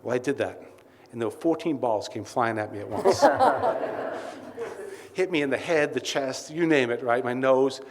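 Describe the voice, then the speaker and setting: A man at an event, speaking as CEO and telling candid stories with plenty of asides. His voice sits at an ordinary middle pitch. It rings out with a long reverb through a large hall, with faint ambient noise behind. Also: sing-song, measured pace, long pauses. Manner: candid, anecdotal storytelling with many asides. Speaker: CEO giving a welcome speech. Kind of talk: speech at a client event.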